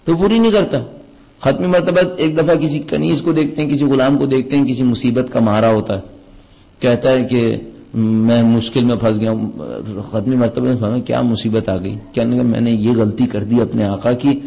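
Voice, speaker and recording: Emphatic preacher man, pitch swinging high and low. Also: fairly even intonation, gravelly, rough recording. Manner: rising to emphatic high pitch, then dropping low and soft; storytelling with questions to the audience. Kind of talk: religious sermon.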